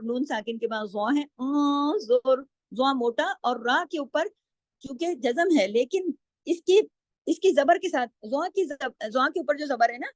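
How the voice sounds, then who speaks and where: A woman with a high voice gives a patient, step-by-step lesson on Quran recitation, slowly drawing out example words. Her voice is dry and close, with no room sound. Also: dry recording. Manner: patient, explains rules step by step and repeats words. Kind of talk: tajweed lesson with slow drawn-out example recitation.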